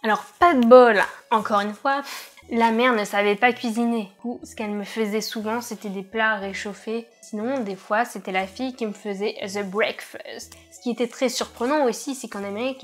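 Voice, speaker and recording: Young French woman, vlogger, slightly high voice, hesitant and chatty, faint music underneath. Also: fairly even intonation, moderate pace. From France. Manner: chatty, frequent hesitations, wry asides. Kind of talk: casual chatty storytelling to camera.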